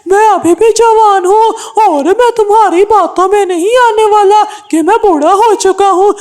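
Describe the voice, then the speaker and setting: A woman's voice: very high-pitched, normal speed, a little mellow. A woman voicing a boastful, hot-tempered aging male crow in a cartoon, insisting he is still young. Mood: defensive. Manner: boastful, defensive. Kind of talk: cartoon voice acting.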